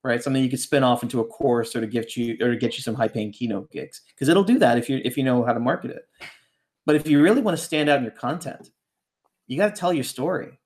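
A man's voice: mid-range voice, fast talker, darkish tone. A man raised in Canada, a ghostwriter talking as a podcast guest, reflective and winding, often checking in with "right?". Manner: reflective, rambling, keeps asking "right?". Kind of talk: casual podcast conversation.

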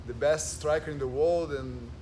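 A man's voice: on the high side, normal speed, darkish tone, slight background noise. A man from Brazil with a Brazilian Portuguese accent, hosting a casual podcast as a jiu-jitsu gym owner, earnest and full of "and, uh" fillers.

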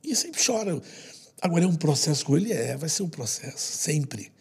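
Gravelly husky Brazilian man, earnest. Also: fairly high pitch, sing-song, moderate pace. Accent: Brazilian Portuguese. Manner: earnest, slangy, repeats for stress. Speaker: guest who works with children. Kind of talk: emotional interview storytelling.

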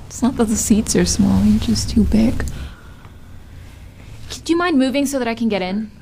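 A woman's voice: fairly high pitch, lively intonation, very fast, slight background noise, close to an everyday voice. A woman playing a snappy, entitled complainer. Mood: scornful. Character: rude, entitled woman greedy for cash. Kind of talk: scripted skit acting.

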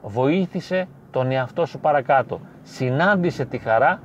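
A man, a psychologist, gives advice straight to the listener in an emphatic, repetitive way, with slow, weighty phrasing. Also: medium pitch, lively intonation. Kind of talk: direct-to-camera advice monologue. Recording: slightly dull lo-fi sound with faint street noise.

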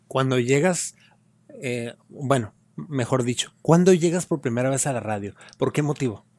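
A man's voice: mid-range voice, moderate pace, a little mellow, no room sound. A man interviewing a guest on a podcast, asking short and plain questions. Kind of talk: casual interview.

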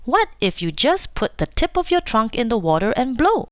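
A woman's voice: fairly high pitch, sing-song, moderate pace, no echo, studio quality, voice pushed up. A woman voicing a playful young female hippo, in a children's storybook reading. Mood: apologetic.

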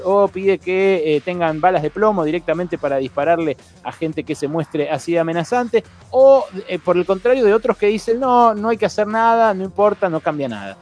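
A man with an Argentine Spanish accent talks through an editorial off the cuff, stopping on "eh" and fixing his own slips. His voice sits a bit high for a man. Soft music plays faintly underneath. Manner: unscripted, many "eh" fillers and self-corrections. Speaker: radio host giving an editorial. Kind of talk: spoken editorial commentary.

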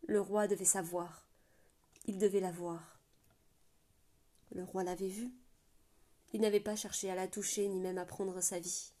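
Audiobook narrator, woman, mellow and dark in tone, steady fantasy storytelling with occasional restarts. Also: medium pitch, a little slow, pauses often. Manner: steady, with small slips and restarts.

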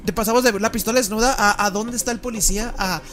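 A woman with a Mexican accent co-hosting a comedy chat, joking, expressive and swearing casually. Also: a little high, quick pace, soft background music. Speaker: podcast co-host.

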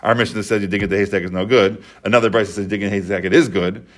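Man, Talmud teacher, low voice, patient step-by-step explaining. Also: steady tone, racing. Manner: explains step by step, repeats and restates points.

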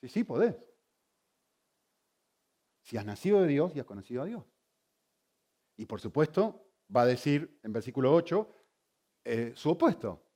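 A man preaching a sermon, teaching in an animated way and asking the congregation many rhetorical questions. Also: medium pitch, moderate pace, long pauses. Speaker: pastor.

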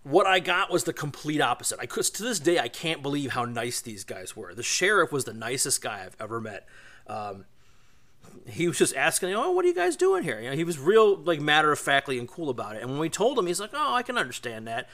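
A man's voice: medium pitch, expressive, a little fast, pushed and bright. A man in his forties hosting a podcast, telling a road story in a rambling, chatty way with lots of asides. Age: 40s. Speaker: podcast host. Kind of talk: casual storytelling.

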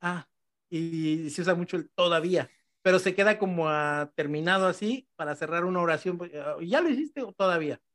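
Middle-aged man with a Mexico City accent, fairly high voice, animated talker who acts out little scenes in other voices. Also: fairly quick. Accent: Mexico City Spanish. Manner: animated, acts out quoted dialogue. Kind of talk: casual conversation.

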